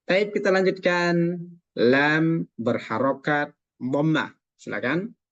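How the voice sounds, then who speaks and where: A man teaching recitation over a video call, his voice a little higher than most men's. He corrects patiently and sounds out syllables slowly. The call audio is slightly muffled. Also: fairly bright tone, dry recording. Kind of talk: online recitation class coaching.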